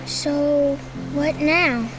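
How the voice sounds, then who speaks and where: A woman playing an excitable, earnest young boy adventurer in an audio drama. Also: high voice, extremely slow, music in the background, rough recording. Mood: curious.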